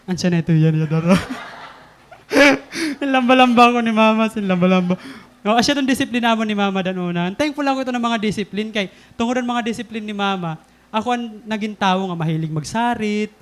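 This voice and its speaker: A young man in his twenties with a Filipino accent, preaching a sermon as an animated story, laughing often. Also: sits high, brisk. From Philippines. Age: 20s.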